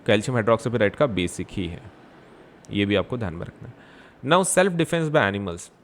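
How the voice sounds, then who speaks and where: A young man teaching a science revision lesson online, switching between Hindi and English and asking questions he answers himself. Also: medium pitch. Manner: mixes Hindi and English, asks and answers his own questions; frequent fillers and restarts, emphatic stresses.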